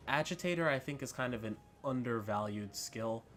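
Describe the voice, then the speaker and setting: A man's voice: medium pitch, expressive, normal speed, fairly bright tone, slight background noise. A man giving casual, unscripted video game commentary as a host, rambling and thinking aloud as he goes. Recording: music under the voice. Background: background music.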